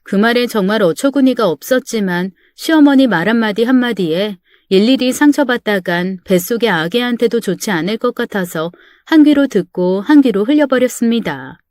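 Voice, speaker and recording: A woman's voice: fairly high pitch, animated, normal speed, hardly any pauses, darkish tone, no echo, studio quality. Woman narrating a first-person story. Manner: plain, confiding storytelling.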